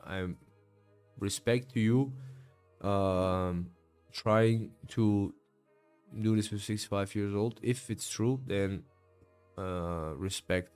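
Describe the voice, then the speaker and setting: This day trading streamer, a man in his late twenties, sounds tired after a long session as he casually walks chat through his trades, calling them "bro" and using lots of fillers. His low, darkish voice is clear and resonant, slow with long pauses, and faint music plays in the background.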